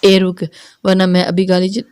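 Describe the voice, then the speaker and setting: A woman voicing a distraught young woman who sobs and scolds in turn, read in a flat, dark, dry tone. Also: fairly low pitch, clear, resonant tone, no echo, natural voice. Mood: tearful, scolding. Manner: tearful, scolding threats.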